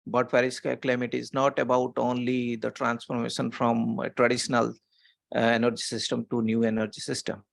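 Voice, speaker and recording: Gravelly-voiced man on a video call. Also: medium pitch, completely flat delivery, fairly quick, dry recording. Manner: hesitant, many fillers and restarts. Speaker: panelist. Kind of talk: online panel discussion.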